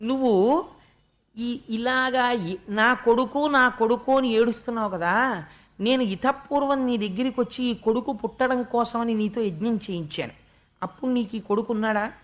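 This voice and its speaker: The narrator's own voice playing an elderly sage in a told scripture story, speaking calmly and reasoning patiently with a king in mourning. He questions and admonishes in an even, measured tone, with no put-on voice. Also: medium pitch, natural voice. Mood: admonishing. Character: elderly male sage consoling a grieving king.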